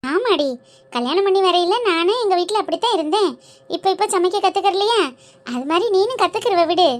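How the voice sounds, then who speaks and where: A woman voicing a homely middle-aged mother in a family cartoon, giving calm, matter-of-fact advice. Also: very high voice, brisk. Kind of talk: cartoon voice acting.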